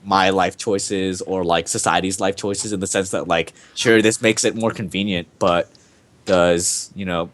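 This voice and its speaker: A man's voice: deep voice, steady tone, a little slow, fairly bright tone, a little hiss or hum. A young man hosting a casual podcast, talking in a rambling, enthusiastic way full of fillers. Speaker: podcast host.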